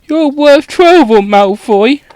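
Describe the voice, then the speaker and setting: A man's voice: very high-pitched, expressive, slow pace, darkish tone, no echo, voice pushed up, exaggerated voice. A man doing a cocky sweary boy wizard. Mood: cheeky. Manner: cheeky, sweary, matey.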